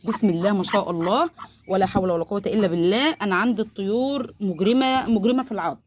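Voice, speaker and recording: Egyptian woman poultry vlogger, rapid, chatty, pious asides, faint bird noise. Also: medium pitch. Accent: Egyptian Arabic. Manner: chatty, devout, sprinkles blessings; nervous, laughing while handling a biting duck. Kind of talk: casual vlog, talking to viewers. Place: poultry coop, indoors. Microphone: phone held while filming.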